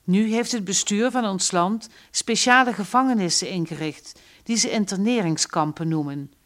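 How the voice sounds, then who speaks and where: Woman voicing a firm, soft-spoken older mother, storybook read. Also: mid-range voice, normal speed, natural voice. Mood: explaining.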